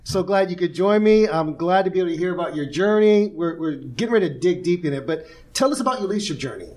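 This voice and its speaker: A man hosts an interview podcast in a fairly high voice. He sounds upbeat and emphatic, and he stretches out his introductions and questions. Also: animated, fast, darkish tone. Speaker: podcast host. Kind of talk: interview hosting.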